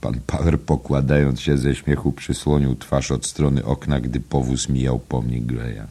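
Man with a super deep voice reading a novel aloud, measured and even. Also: breathy edge. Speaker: audiobook narrator. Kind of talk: literary narration.

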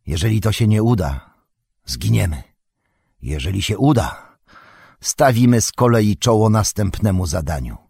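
A man voicing a wise old wizard who gives measured counsel in an audiobook. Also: on the low side, expressive, creaky, dark tone, husky, no echo, studio quality, exaggerated voice. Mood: advising. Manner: measured, advising.

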